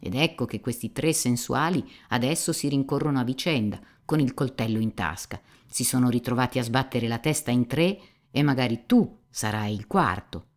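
A woman's voice: a bass voice, normal speed, hardly any pauses, pitched above the performer's own voice. A woman voicing a cynical, gossipy young male seminarian who mocks and insinuates, in an audiobook reading. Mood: lecturing. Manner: mocking, insinuating, talkative.

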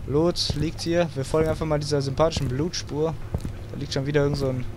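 A young man talks over a horror game, sarcastic and quick to swear, dropping English words into his talk. His voice sits a little high, and the home recording carries a clear layer of background noise. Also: fairly even intonation. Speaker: let's play gamer.

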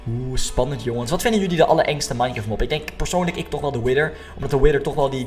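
A young man gives casual gaming commentary at a medium pitch. He is excitable and jokey, addressing viewers directly and mixing in English slang. Faint music plays behind his voice. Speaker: gaming video host. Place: indoor room.

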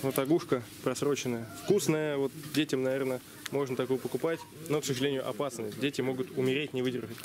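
A man's voice: mid-range voice, fairly even intonation, fast, few pauses, crowd noise. A man acting as a citizen activist, talking confrontationally on camera in a sarcastic, taunting manner. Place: indoors, supermarket. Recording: noisy supermarket room, handheld camera.

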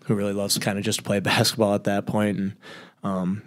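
A young college basketball player answering postgame questions at a press conference table mic, rambling casually with lots of fillers. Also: male voice, fairly low pitch, flat delivery, fairly quick. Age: young adult.

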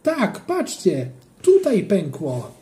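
A reader voicing an excitable, helpful schoolboy in an audiobook. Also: mid-range voice, fairly quick, lightly acted. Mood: excited. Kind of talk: audiobook character voice.

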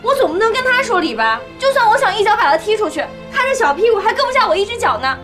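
An actress playing a sharp-tongued but soft-hearted young woman in a TV drama, with a scolding manner. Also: very high voice, sing-song, quick pace. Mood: anxious. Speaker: lead character. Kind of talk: TV drama acting. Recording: drama music underneath.

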